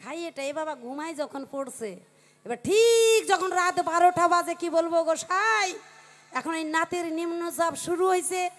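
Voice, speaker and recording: A woman with a high voice tells a comic folk tale to a live audience. She speaks into a stage microphone and keeps calling out to the listeners. Her delivery is lively and chatty. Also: normal speed. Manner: lively, calls out to the crowd. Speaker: folk performer telling a comic story.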